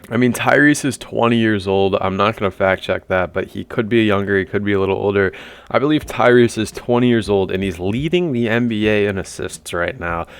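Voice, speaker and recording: A man's voice: low voice, clean tone. A man hosting a sports commentary channel, talking through viewer takes in a rambling, conversational way with lots of fillers. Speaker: basketball commentary channel host.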